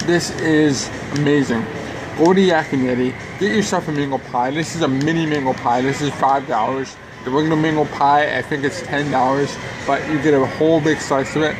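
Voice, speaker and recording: Eating at a theme park table outdoors, a man in his thirties reviews the food for the camera with casual enthusiasm, pausing for bites. His pitch is fairly high, his tone steady, and his delivery brisk. The recording is noisy and carries a hum.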